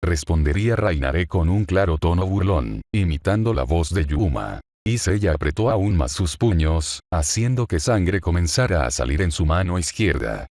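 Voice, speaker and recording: A man narrating a fan story in a steady, dramatic storytelling manner. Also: deep voice, normal speed, hardly any pauses, dry recording, clean studio sound.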